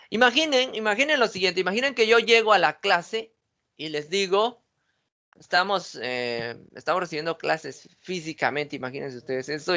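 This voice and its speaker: A man's voice: sits high, vocal fry, bright, forceful tone. A man teaching an online logic class, who asks his students questions and then answers them himself.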